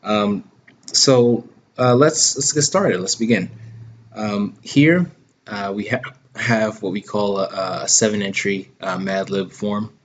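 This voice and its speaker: A man's voice: fairly low pitch, takes it slowly, a little hiss or hum. A man giving a casual tutorial for writers, hesitant and full of ums, uhs and restarts, speaking while he has the hiccups. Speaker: app owner giving a tutorial. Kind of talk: screen-recorded tutorial.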